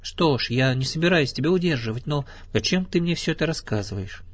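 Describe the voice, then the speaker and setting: A man's voice: a little high, expressive, fairly quick, breathy edge, no echo, voice pushed up. Brief: man playing a cranky, sniping storybook rabbit. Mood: grumpy. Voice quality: grumbling, venomous. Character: grumpy fussy male rabbit.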